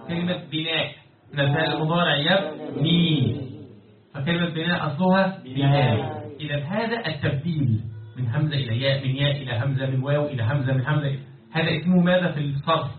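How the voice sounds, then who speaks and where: In a lecture hall full of students, a fairly high-pitched man with an Egyptian accent teaches Arabic morphology and Quran commentary. He keeps quizzing the class and pushing for answers, and the audio comes across distant, echoey, and phone-like, with crowd noise.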